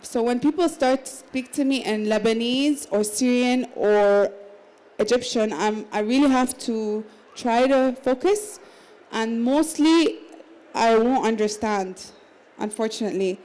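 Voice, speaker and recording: In a rough recording, a woman with a fairly high, slightly mellow voice speaks unhurriedly. She's in her thirties, raised in the Emirates, and appears as a casual, chatty panel guest at a literary salon at a book fair, with restarts and little laughs.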